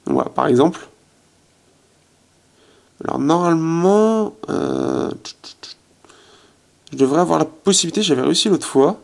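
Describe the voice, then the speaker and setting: Creaky, a little slow, and pausing often, a tech reviewer with a fairly high voice gives a relaxed phone review in his resonant apartment. His talk is chatty and full of fillers, fading out as he tests features.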